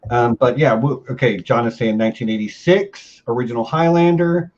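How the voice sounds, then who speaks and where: An easygoing male host leads a casual podcast chat with a guest. His voice sits at a middle pitch and sounds upbeat and friendly. His mic comes through slightly dull and lo-fi. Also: normal speed, a little mellow.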